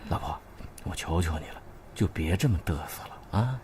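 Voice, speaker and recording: A man's voice: sits low, expressive, moderate pace, darkish tone, a little hiss or hum. An actor playing a joking middle-aged husband who teases and soothes his wife in a TV drama. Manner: teasing, joking, placating. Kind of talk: TV drama acting.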